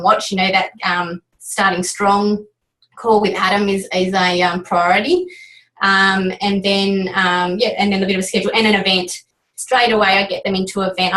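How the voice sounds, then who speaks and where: A woman's voice: medium pitch, fairly bright tone, recorded from a distance, low-quality recording. Rambling woman, a bit off-mic. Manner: rambling, lots of ums and restarts. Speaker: team leader sharing tips. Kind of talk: casual training chat.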